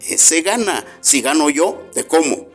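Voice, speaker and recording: Dude doing a smug mocking snake, storybook radio. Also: male voice, a little high, very animated, a little slow, faint music behind, exaggerated voice. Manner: mocking and scornful. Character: mocking sly green snake.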